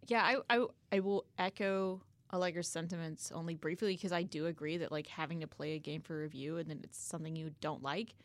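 A woman on a casual podcast, answering in a measured, agreeable way. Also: low voice, steady tone, no echo. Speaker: podcast co-host. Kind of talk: casual chat.

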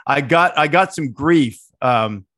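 Speaking slowly with lively intonation, this middle-aged man's voice sits on the high side and sounds fairly bright. He co-hosts a podcast, drifting through loose college football talk and restarting often, recorded in studio quality with no room sound.

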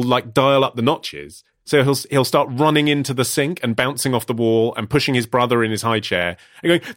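A man in his thirties chatting casually on a podcast, telling stories with animated delivery and frequent laughter. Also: mid-range voice, no room sound, clean studio sound. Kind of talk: casual chat.

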